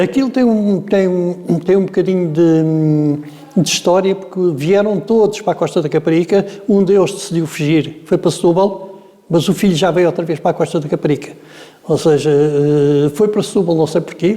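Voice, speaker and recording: A Portuguese man in his seventies with a Lisbon-area accent is interviewed for an oral history, recalling his family's past in an unhurried, meandering way. He hesitates often on filler sounds, his slightly high voice is warm and dark, and the room leaves a long reverb tail.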